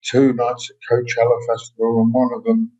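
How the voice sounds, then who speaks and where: A musician in his sixties is interviewed in a casual, anecdotal chat, telling rambling stories and often correcting himself mid-sentence. His medium-pitched voice is mellow, fairly quick, and completely flat in delivery. The sound is dull and lo-fi.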